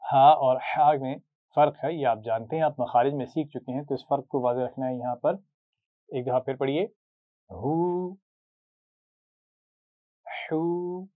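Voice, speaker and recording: A man's voice: medium pitch, fairly even intonation, brisk. A man teaching a Quran recitation lesson, patiently drilling short syllables for students to repeat, with a Pakistani Urdu accent. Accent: Urdu-speaking, Pakistani. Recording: tinny phone-like sound.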